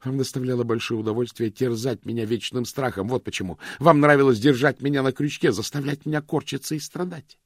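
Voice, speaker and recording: Male reader puts on a high, loud, frayed female voice, shrill and biting; dry sound. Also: big pitch swings, a little fast, vocal fry, slightly rough, no room sound, exaggerated voice. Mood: shrill, bitter. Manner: shrill, agitated, sarcastic. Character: highly strung woman, shrill and bitter.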